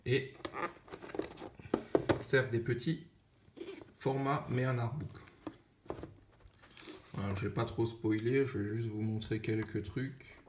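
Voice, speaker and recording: A young man with an Alsatian French accent chats casually through an unboxing, stumbling over words and correcting himself as he goes. His voice sits at an ordinary middle pitch. The room is echoey, with a faint hiss underneath. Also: fairly even intonation, takes it slowly, pauses often. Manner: chatty, casual, with frequent fillers and self-corrections. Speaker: unboxing video host.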